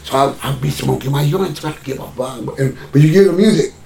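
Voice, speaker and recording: A man's voice: mid-range voice, a little fast, gravelly, echoey room, slight background noise. A man telling a story in casual, profane chat, acting out the voices of the people in it. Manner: animated, profane, acts out voices.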